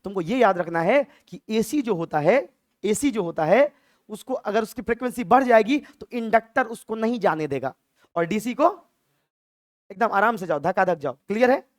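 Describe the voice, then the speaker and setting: A man's voice: high voice, lively intonation, normal speed, no room sound, studio quality. A man teaching physics in a playful classroom lecture, acting out dialogue lines in a mock-dramatic voice. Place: classroom with a board.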